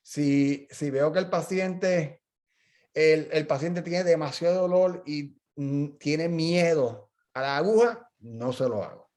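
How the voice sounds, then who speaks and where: Slow-paced and a little mellow, this middle-aged man's voice is on the high side. He's a physical therapist in a casual journal club talk, telling stories and repeatedly restarting his explanations.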